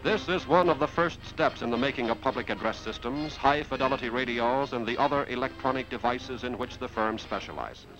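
A muffled 1950s film soundtrack with background music carries an American man's scripted industrial narration. He uses an announcer's explanatory delivery in a mid-range voice, brisk and with hardly any pauses.

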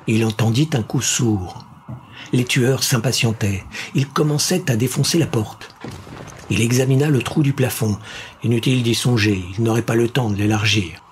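A man reading a science-fiction thriller aloud in a steady, suspenseful narration. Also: medium pitch, a little hiss or hum. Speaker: audiobook narrator. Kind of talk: scripted narration.

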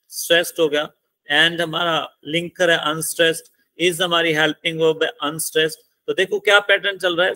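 Male lecturer: bright, slightly high voice, patient and methodical, asks and answers his own questions, dry close sound. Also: no room sound, low-quality recording. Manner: mixes English terms into his talk, reads verse lines slowly. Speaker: English literature teacher. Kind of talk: classroom lecture.

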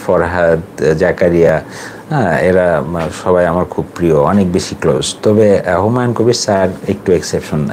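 A man in his forties with a Bangladeshi accent, an English teacher talking casually to his students, reflective and halting, with many fillers. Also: on the low side, darkish tone, slight background noise. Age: 40s.

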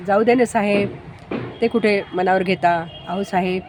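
A woman voicing a calm, humble rickshaw driver. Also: high voice, a little slow, background noise. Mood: explaining calmly. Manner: gentle, patient, homespun wisdom.

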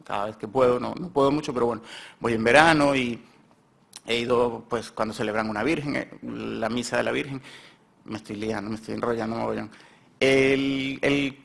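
At a university symposium, a man with a Spain Spanish accent gives a conference talk on his research in a seminar room. His gravelly voice is medium-pitched and steady at a moderate pace, and he rambles hesitantly, often correcting himself.

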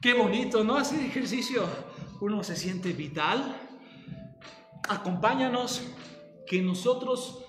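High-voiced energetic Mexican fitness instructor. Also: male voice, slow, pauses often, soft background music. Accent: Mexican Spanish. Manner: energetic counting, playful cries and encouragement. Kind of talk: live online workout class. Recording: roomy, distant mic with long reverb.

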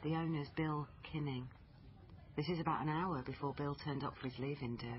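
Playing a dogged British police liaison officer in a naturalistic radio crime drama, this actress speaks in a low-pitched, steady voice close to her everyday one, a little fast. She probes and thinks aloud, puzzled and thoughtful, over a muffled broadcast with clear background noise.

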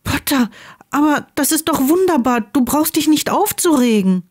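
A proud young wizard with a raised, strained voice, pitched well above the reader's own and colored differently from it, as a woman reads him aloud. He is heated and incredulous and keeps raising his voice. It sounds like a character in a read-aloud storybook. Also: expressive, normal speed. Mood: eager. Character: agitated, proud young male wizard student.

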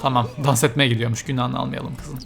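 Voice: mid-range voice, level tone, fast, vocal fry, soft background music. A let's-player giving casual, chatty commentary while playing, exclaiming and talking to the game characters, with English game terms mixed in.

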